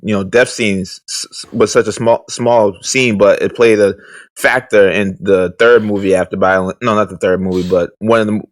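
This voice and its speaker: A man in casual podcast chat, speaking haltingly with frequent restarts. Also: lowish voice, fairly even intonation. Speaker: podcast guest.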